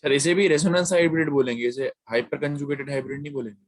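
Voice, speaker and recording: A man's voice: on the high side, fairly even intonation, fast, no echo. A male student asking his teacher questions and answering with short, polite replies.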